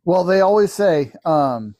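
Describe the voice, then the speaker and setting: A man's voice: high voice, expressive, measured pace, warm tone. A man co-hosting a casual chat, easygoing, often restarting his sentences.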